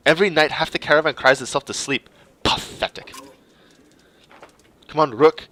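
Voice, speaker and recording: A man's voice: a little high, quick pace, a bit bright, close to an everyday voice. A man voicing a brash, cocky young male Viking warrior in a fantasy game. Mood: swaggering. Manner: swaggering, bold.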